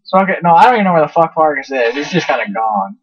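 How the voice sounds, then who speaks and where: A young man commentating his own gameplay, swearing a lot and yelling in frustration at a companion character. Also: fairly high pitch, lively intonation, rapid-fire, husky, dull audio. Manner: profane, yells in frustration at a companion. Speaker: gamer playing.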